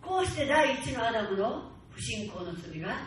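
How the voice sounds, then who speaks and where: A woman pastor preaching a sermon with fervent, slow, stressed phrasing that builds in urgency. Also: fairly high pitch, big pitch swings. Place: church hall. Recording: far-off mic in echoey hall, faint hiss.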